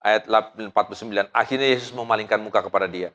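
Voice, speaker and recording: A man preaching a sermon, firing questions at his congregation and swinging between loud emphatic calls and quiet, low passages. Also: fast, dull audio. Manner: addresses the congregation with call-and-response questions.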